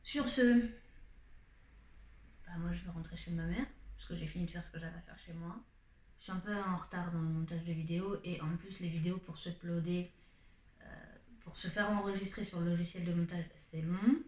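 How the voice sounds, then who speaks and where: A woman's voice: fairly low pitch, little pitch movement, a little fast, a little mellow. A young woman chatting to the camera in a casual vlog from a dim room at home, rambling on with self-mocking asides. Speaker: vlogger. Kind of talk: casual face-to-camera chat. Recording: roomy home room sound.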